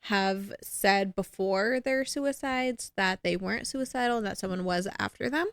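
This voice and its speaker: A woman co-hosting a podcast talks in loose, rambling chat, filling gaps with fillers and joking at her own slips. Her voice sits at an ordinary middle pitch. The recording is dry and close, with no room sound. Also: moderate pace, clear, resonant tone, no echo. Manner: rambling, filler-heavy, self-deprecating. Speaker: podcast co-host. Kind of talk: casual chat.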